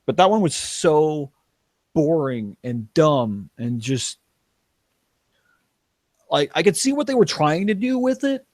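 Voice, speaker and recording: A man's voice: on the high side, sing-song, slow, long pauses, dry recording. A young man talking as a podcast guest, rambling, restarting his sentences and laughing. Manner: rambling, self-interrupting, laughs. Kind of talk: casual chat.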